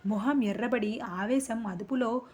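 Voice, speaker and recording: A woman narrating a dramatic family story in an earnest, expressive reading voice. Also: fairly high pitch, unhurried.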